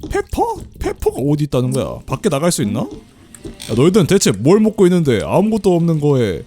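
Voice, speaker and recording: Lively-voiced man playing a game. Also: a little high, fast talker. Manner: chatty, laughs often, reads game text aloud. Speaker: game streamer. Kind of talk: casual let's play commentary.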